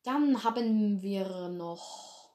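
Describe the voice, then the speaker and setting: This fan clan roleplay channel host talks very slowly in a mid-range, dark-toned voice. She's chatting casually from her bedroom, rambling and giggling as she pokes fun at her own slip-ups.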